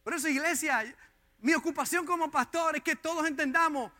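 Male pastor with a very high, sharp voice, impassioned sermon in a church. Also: brisk. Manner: impassioned preaching, addressing the congregation directly.

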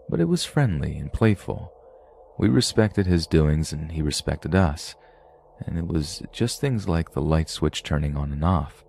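Very deep-voiced man reading stories. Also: gravelly, dark tone, a little hiss or hum. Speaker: podcast host. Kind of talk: reading paranormal stories aloud.

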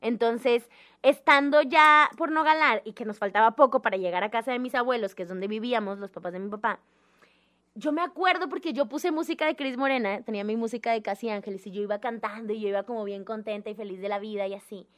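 High-voiced woman telling a story. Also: quick pace. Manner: animated, dramatic, acts out the voices in her story. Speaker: guest telling a personal story. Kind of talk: casual storytelling chat.

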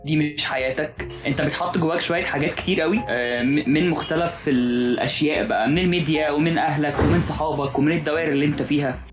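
Musing young Egyptian man, fast talk. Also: on the high side, over music, poor audio. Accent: Egyptian Arabic. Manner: musing, hesitant, thinking aloud. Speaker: podcast co-host. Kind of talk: casual philosophical chat.

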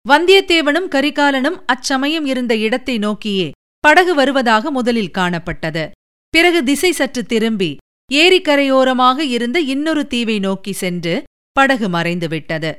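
A woman narrating an audiobook of a historical novel in an even, measured storytelling manner. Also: high voice, smooth.

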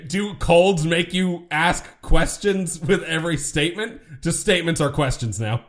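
A man's voice: on the high side, a little slow. A man co-hosting a podcast in casual chat, with jokey, mock-dramatic exaggeration. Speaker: podcast co-host.

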